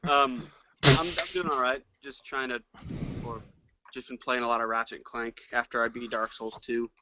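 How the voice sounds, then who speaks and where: A man's voice: mid-range voice, fairly even intonation, moderate pace, pushed and bright. A man chatting easily on a podcast about his gaming. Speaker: podcast guest. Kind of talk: casual chat. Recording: dull lo-fi recording.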